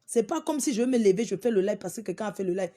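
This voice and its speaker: A woman's voice: medium pitch, animated, very fast, dark tone. A woman hosting a live stream, scolding her viewers in an exasperated, repetitive way. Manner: exasperated, repeats herself, scolding.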